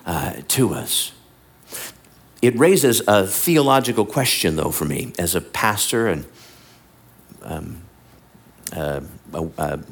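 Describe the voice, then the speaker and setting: A male pastor delivering a lively sermon, sometimes acting out the lines he quotes. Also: deep voice. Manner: animated, acts out voices and quotes. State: bad back.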